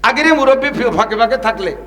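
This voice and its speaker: A man from Bangladesh preaching a waz sermon, impassioned and often rising to loud cries, chanting Arabic verses between his Bengali lines. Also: very high-pitched, lively intonation, quick pace.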